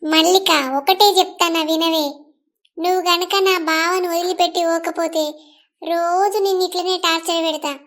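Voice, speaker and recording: A jealous young village woman drawls threats in a high, bright cartoon voice, as a woman acts her out. Her Telangana Telugu accent colours every slow, menacing word. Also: level tone. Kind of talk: cartoon voice acting.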